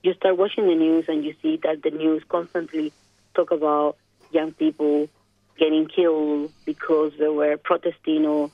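Her deep voice shows little pitch movement as this Chilean woman, a guest in an interview, speaks reflectively in Chilean Spanish and feels for her words. She talks at normal speed on a dry, tinny telephone line with no echo.

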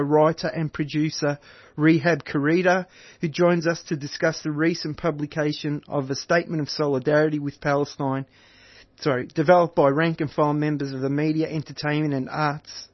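An Australian man co-hosts a community radio breakfast show with a slightly higher voice. He reads through the news rundown in an easygoing way, stumbling and correcting himself now and then. The sound is dry with a dull, lo-fi tone. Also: dry recording. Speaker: radio co-host.

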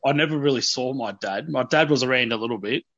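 Informal Australian man, bright forceful voice. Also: medium pitch, fast, no room sound. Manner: informal, hesitant, self-deprecating. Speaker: interview guest. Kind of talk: candid personal interview. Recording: dull, lo-fi radio audio.

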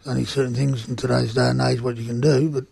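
Very gravelly, blunt Australian man. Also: mid-range voice, level tone, fast talker, darkish tone, dry recording, studio quality. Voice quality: gravelly, rough. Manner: blunt, colloquial storytelling. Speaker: union organiser reporting on site visits. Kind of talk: casual radio chat. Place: community radio studio.

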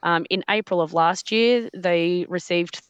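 A woman researcher speaking outdoors in a remote interview over glitching call audio that keeps cutting out, talking haltingly with many restarts and fillers. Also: on the low side, clean tone, no echo, lo-fi sound. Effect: glitching, dropping-out call audio. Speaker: researcher guest.

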